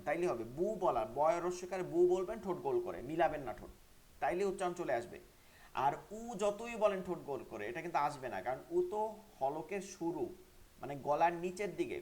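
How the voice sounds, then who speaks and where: A man's voice: a little high, a little mellow. Man teaching with drilled repetitions. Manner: repeats sounds slowly for learners to copy. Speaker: Quran recitation teacher. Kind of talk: online class lesson.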